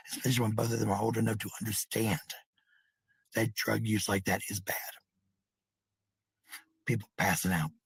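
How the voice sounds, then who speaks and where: A middle-aged man with a lowish, husky, gravelly voice chats casually with viewers. His monologue is blunt, profane, and meandering, full of repeated phrases for emphasis, and the recording has no room sound.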